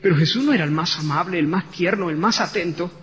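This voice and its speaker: A pastor from Spain, speaking with a Spain Spanish accent, preaches a passionate, dramatic sermon in a church. His voice is high-pitched, quick, and fairly bright, captured with church hall reverb and a faint hum.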